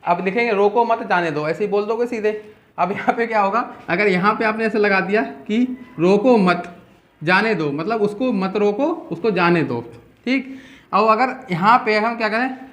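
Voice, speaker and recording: A man teaching an English grammar lesson in Hindi, explaining step by step and often checking in with a quick "ठीक है". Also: high voice, a bit bright.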